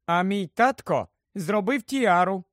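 A man's voice: high voice, lively intonation, slow, fairly bright tone, no echo, studio quality, pitched above the performer's own voice, heavily acted. A man voicing a dreamy, odd teenage witch girl, speaking airily and matter-of-factly.

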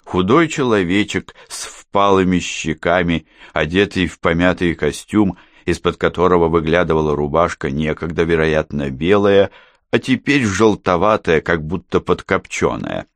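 A man narrating an audiobook in a steady, even storytelling voice. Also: low-pitched, moderate pace, no room sound.

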